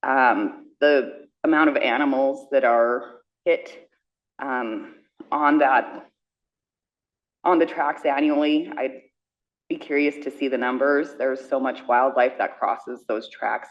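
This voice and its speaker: A woman speaking for her community at a council meeting, briskly listing practical complaints. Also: extremely low pitch, fairly even intonation, highs cut off.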